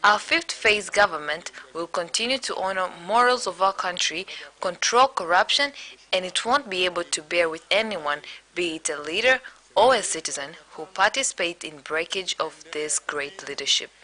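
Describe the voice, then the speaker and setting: A woman with a bright, forceful voice that sits a little low, reading a translated news voice-over. Her delivery is measured and formal. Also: expressive, poor audio. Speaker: voice-over interpreter.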